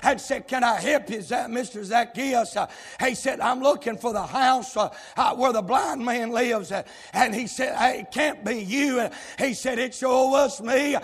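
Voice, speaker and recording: A Southern US pastor preaching a sermon in a folksy, fiery way, from quiet storytelling to shouting. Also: male voice, very high voice, moderate pace, hardly any pauses, husky. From South Carolina, US. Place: large church sanctuary. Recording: long church hall reverb.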